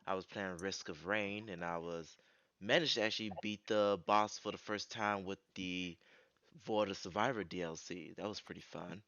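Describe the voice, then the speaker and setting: A man's voice: deep voice, steady tone, moderate pace, sharp tone, no room sound, muffled recording. A man casually introducing himself as a player and streamer on a tabletop show.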